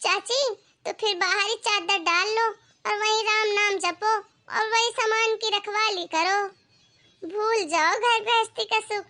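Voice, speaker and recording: A blunt young cartoon neighbor talks briskly and mocks an older aunt without mercy, as a woman puts her on. Her voice is bright and very high. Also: steady tone, heavily acted. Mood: teasing. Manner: sarcastic, brisk.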